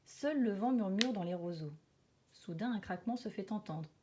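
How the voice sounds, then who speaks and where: Woman, mellow dark timbre, slightly husky, expressive nature documentary narration, children's book read aloud, storytelling emphasis. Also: mid-range voice, moderate pace. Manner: storytelling, dramatic emphasis on repeated words and sound words.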